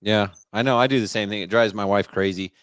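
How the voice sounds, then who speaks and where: A middle-aged man talks business in a casual, enthusiastic way, explaining his points with confidence. His voice sits very low, and the recording is dry and close with no room sound. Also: steady tone, quick pace, fairly bright tone, smooth, dry recording. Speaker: lighting business coach. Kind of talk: casual interview chat.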